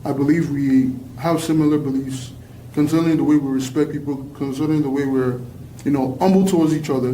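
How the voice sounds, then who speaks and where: A young man from Nigeria gives casual, reflective answers with a Canadian-influenced accent. His voice is mellow and hesitant, full of "like". The sound is echoey and distant, with faint noise. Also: on the high side, fairly even intonation, fairly quick. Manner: hesitant, frequent "like". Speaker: youth panelist.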